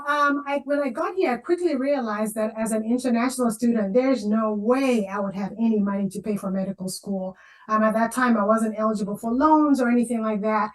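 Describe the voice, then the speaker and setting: A woman in her forties, a guest in a casual interview over a video call, animated and laughing often, repeating phrases for emphasis. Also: fairly high pitch, low-quality recording. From Zambia.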